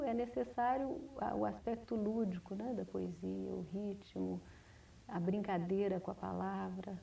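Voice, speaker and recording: A woman writer, answering interview questions in a measured, reflective way, often restarting and adding "né?". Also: medium pitch, vocal fry, mellow. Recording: distant mic, 1990s TV studio recording.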